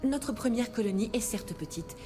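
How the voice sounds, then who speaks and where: An actress playing a firm, diplomatic leader of space colonists in scripted video game dialogue, speaking formally and politely. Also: female voice, fairly high pitch, animated, moderate pace, over music, close to an everyday voice. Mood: calm, firm.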